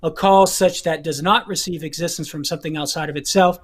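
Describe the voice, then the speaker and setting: A man lays out philosophy step by step, restating phrases and pausing to check that his listeners follow. His voice is clear, with an occasional cough. He sounds like a guest teacher talking with the hosts. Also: fairly high pitch, steady tone. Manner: deliberate, repeats phrases, checks in with okay.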